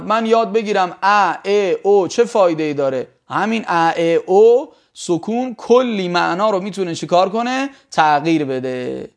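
A man's voice: high voice, creaky. A male teacher giving a classroom lecture on grammar, quizzing his students and spelling out vowel sounds.

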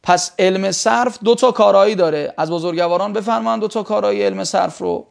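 High, gravelly male grammar teacher. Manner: quizzes students, spells out vowel sounds. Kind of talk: classroom lecture.

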